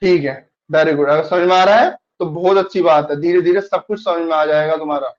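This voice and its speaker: A man's voice: fairly high pitch, brisk, lo-fi sound. A male teacher taking an online class, patiently explaining and repeating questions to his students.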